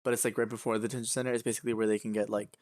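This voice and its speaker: A man narrating as game master for a casual tabletop session, talking loosely with many pauses and ums. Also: on the low side, little pitch movement, darkish tone, no room sound, clean studio sound.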